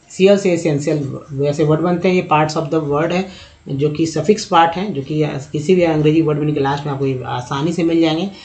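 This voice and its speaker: Man teaching, spelling letters slowly. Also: a little high, darkish tone. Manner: slow, spells out letters one by one. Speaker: English teacher. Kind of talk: explanatory lesson narration.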